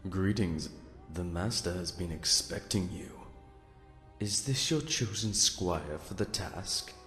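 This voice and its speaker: A man playing an ominous, courteous gatekeeper in an audio drama, formal and deliberate. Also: low-pitched, a bit bright. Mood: ominous courtesy. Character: ominous, courteous male gatekeeper serving a master. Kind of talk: scripted audio drama acting. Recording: echoey, reverberant, music behind.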